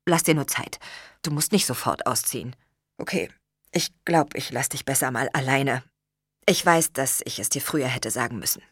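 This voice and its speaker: A woman's voice: very deep voice, normal speed, fairly bright tone, husky, dry recording, clean studio sound, heavily acted. A woman voicing a tired, guilt-ridden man who hesitantly confesses an affair in an audiobook. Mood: awkward. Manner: hesitant, subdued. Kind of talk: audiobook reading.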